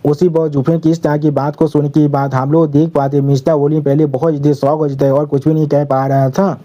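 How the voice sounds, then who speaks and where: Male manga recap narrator, dark and flat, steady storytelling. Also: on the high side, brisk, dull audio.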